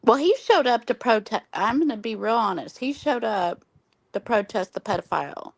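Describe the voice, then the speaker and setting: A woman's voice: on the high side, expressive, normal speed, gravelly, dry recording. A woman from Oklahoma hosting a casual late-night livestream chat, telling long earnest stories with many ums while losing her voice from smoky air. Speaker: livestream host.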